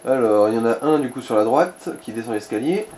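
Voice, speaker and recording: In casual let's-play commentary, a man offers a player blunt advice laced with crude slang. His mid-range voice is expressive and a little mellow, running slightly fast over light background noise.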